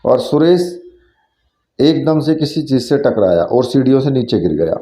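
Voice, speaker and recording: A man's voice: mid-range voice, lively intonation, moderate pace, mellow. Man narrating a horror story, roomy sound. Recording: roomy, dull lo-fi recording.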